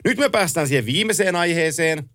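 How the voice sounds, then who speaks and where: A man co-hosting a casual hockey chat, leading the topics and listing teams briskly. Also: on the high side, animated, a bit bright. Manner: runs the segments, lists teams briskly.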